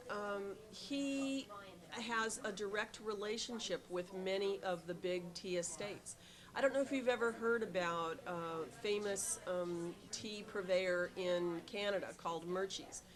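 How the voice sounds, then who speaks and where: A middle-aged woman who runs a tea shop, answering interview questions with many ums and restarts and an eager tone. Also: mid-range voice.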